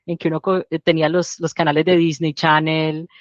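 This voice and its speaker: Lively Colombian woman telling a story. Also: sits low, fairly quick, no room sound, lo-fi sound. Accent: Colombian Spanish. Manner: lively storytelling with frequent restarts. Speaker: guest, general practitioner. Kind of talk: casual interview chat.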